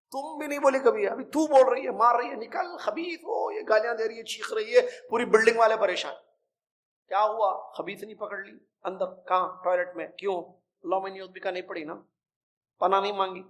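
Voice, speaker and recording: A male Islamic teacher giving a hadith lesson in class, lively and full of rhetorical questions. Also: fairly high pitch, poor audio. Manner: animated, many rhetorical questions. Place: classroom at a dawah center.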